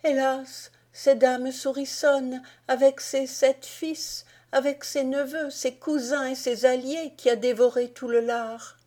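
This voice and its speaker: A woman reading aloud voices a distraught queen, tearful and pleading in a high voice. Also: level tone, slow, hardly any pauses, a little mellow. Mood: lamenting.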